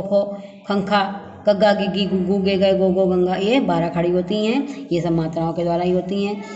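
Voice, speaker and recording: A woman's voice: medium pitch, a little mellow. A woman teacher walks through a grammar lesson, posing questions and answering them herself as she sounds out syllables one by one. Her voice carries a long, roomy echo, and the recording is dull and muffled. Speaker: school teacher. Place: classroom or room at a school. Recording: dull echoey room recording.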